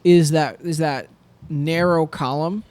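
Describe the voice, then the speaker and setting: A man's voice: fairly high pitch, fairly even intonation, takes it slowly, darkish tone, smooth, no room sound. A young man co-hosting a coffee podcast, chatting casually and playfully joking with his co-host. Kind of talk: casual chat.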